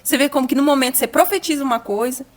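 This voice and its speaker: A woman's voice: high voice, racing. A young woman in a podcast telling an emotional testimony, earnest and at times close to tears. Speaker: guest giving testimony.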